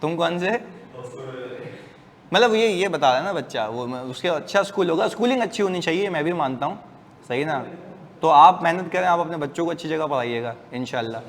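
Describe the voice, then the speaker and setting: A fairly high-voiced man teaching a class in a relaxed, joking way. His voice carries a long reverb, as if he was recorded from across a large room, with faint hiss underneath. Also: a little fast. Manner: chatty, joking, lively asides to students. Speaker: accounting lecturer. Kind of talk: casual classroom lecture.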